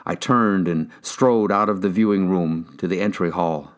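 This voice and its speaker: An American man with a low voice reads a crime novel aloud at a moderate pace. He narrates in the first person, the way an actor would for an audiobook.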